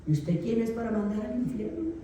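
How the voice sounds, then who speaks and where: A woman pastor teaching a theology class in a relaxed, conversational way, often checking that her students follow. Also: a little high, a little fast, slight background noise. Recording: echoey room, voice picked up from far off.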